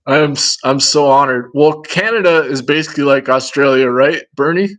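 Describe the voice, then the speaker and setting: A man's voice: mid-range voice, fairly bright tone, slight background noise, rough recording. A man in his fifties with a Minnesota accent, chatting casually with his livestream viewers in a rambling, digressive way. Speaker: livestream host.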